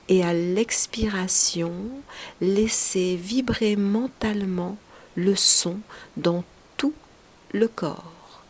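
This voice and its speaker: Soft, soothing guidance for relaxation comes from a woman acting as a yoga teacher, her voice in the mid range. She keeps her phrases short and unhurried, and they frequently trail away breathily.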